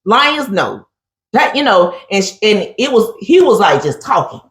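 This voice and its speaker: A woman's voice: mid-range voice, moderate pace, reverberant. A woman chatting casually on a talk show, telling stories with lots of animation, acting out quotes and calling her listener "honey". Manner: animated storyteller who acts out quotes and keeps saying "honey". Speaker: co-host. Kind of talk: casual chat recapping a reality show.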